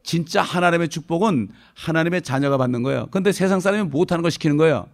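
Korean pastor preaching with rhetorical prompts. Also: male voice, fast, vocal fry. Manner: conversational preaching, frequent rhetorical "어?" prompts to the congregation; swings between raised emphatic lines and low quiet asides. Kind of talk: sermon.

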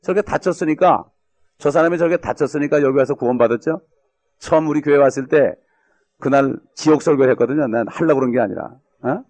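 A man's voice: on the high side, a little mellow. A man preaching a sermon as pastor, often tossing rhetorical questions to his congregation. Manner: gravelly, fast-talking, rhetorical questions to the congregation.

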